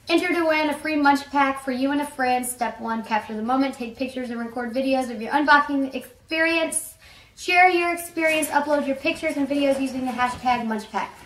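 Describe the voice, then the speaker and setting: A bubbly young woman talks through a snack box in a casual vlog, her voice sitting a touch high. She stands a little back from the mic, and the room adds a clear echo. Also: a bit bright. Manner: chatty, bubbly, says "really" over and over. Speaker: vlogger. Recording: echoey room, a bit far from the mic.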